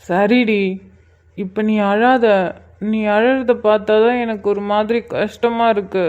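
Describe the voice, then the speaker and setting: A woman's voice: medium pitch, steady tone, slow pace, darkish tone, muffled recording, lightly acted. A woman voicing a playful young husband in a cartoon, soothing his worried family from a hospital bed. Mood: reassuring. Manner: teasing, soothing. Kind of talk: cartoon voice acting.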